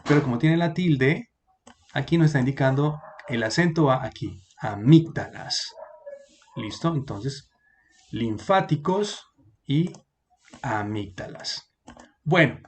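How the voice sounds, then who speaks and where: A man teaching an online class, patiently explaining and repeating words slowly for his students. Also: fairly high pitch, slight background noise.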